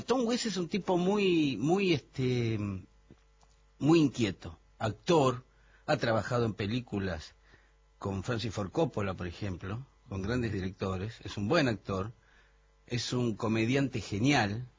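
A hoarse man from Buenos Aires with an Argentine Spanish accent, presenting music on a radio chat and explaining eagerly. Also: lowish voice. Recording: dull lo-fi radio with faint hum.

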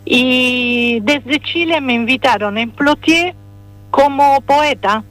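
A woman from Rome with an Italian accent speaks Spanish as a non-native speaker, a playwright and poet giving a radio interview while pausing often to search for words. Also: high voice, a bit bright. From Italy, Rome. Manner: hesitant, searching for words with many fillers.

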